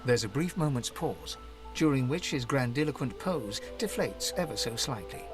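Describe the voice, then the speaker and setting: A man acts as a dramatic fantasy storyteller narrating a video game. His mid-pitched voice moves expressively through literary phrasing, with music behind it. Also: lively intonation, moderate pace, lightly acted.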